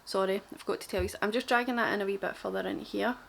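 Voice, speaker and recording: A woman's voice: mid-range voice, steady tone, fast, vocal fry, a little hiss or hum. A young woman with a broad, strong Glaswegian Scottish accent, chatting casually and self-deprecatingly to camera in an informal, rambling makeup tutorial. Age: young adult. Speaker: beauty vlogger.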